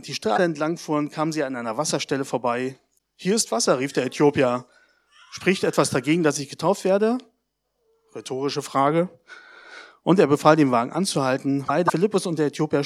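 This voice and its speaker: A man giving a baptism sermon, telling stories lively and putting questions to the congregation. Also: a little high. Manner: addresses the congregation directly, asks questions; lively storytelling, with pauses and hesitations. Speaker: pastor.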